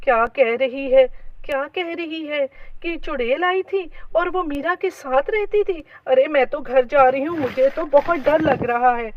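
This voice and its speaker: A woman voicing a fretful female friend in a cartoon story, talking in a hurried way. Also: sits high, dry recording, far from the mic, dull audio. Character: nervous gossiping female friend.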